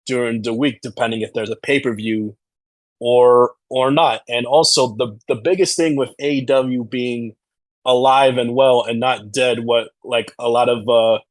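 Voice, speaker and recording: A man co-hosting a podcast, giving opinionated conversational commentary, halting and repeating phrases as he stresses his points. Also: medium pitch, no echo, low-quality recording. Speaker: podcast co-host.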